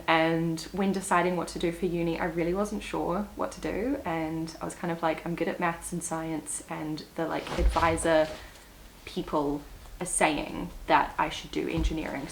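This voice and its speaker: A woman's voice: sits low, steady tone, normal speed, a little hiss or hum, poor audio. A woman in her twenties with a New Zealand accent, chatting casually to camera in a get-to-know-me vlog, upbeat with small laughs. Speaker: vlogger. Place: indoors at home, seated. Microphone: small clip-on mic.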